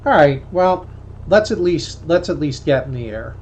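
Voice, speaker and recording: A man's voice: fairly high pitch, expressive, moderate pace, darkish tone. A man flying a small plane, heard through a cockpit headset, thinking aloud in a hesitant, self-deprecating way between radio calls to air traffic control. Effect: heard through a cockpit headset intercom. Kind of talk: casual vlog narration mixed with radio calls. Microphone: aviation headset mic. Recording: muffled cockpit audio with faint engine hum.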